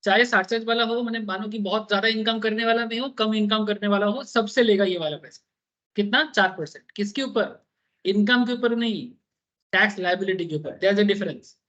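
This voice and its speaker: On lo-fi sound, a man from Bengal, India, lectures on tax in a high, sharp-toned voice at normal speed. The tax teacher's class is chatty and meandering, with frequent check-ins with his students.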